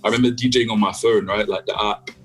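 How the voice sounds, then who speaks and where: Husky laid-back young man. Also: lowish voice, steady tone, fast talker, faint music behind. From United Kingdom. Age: young adult. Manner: laid-back, with lots of fillers like "like" and "that type of stuff". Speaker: guest musician. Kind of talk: casual video-call interview.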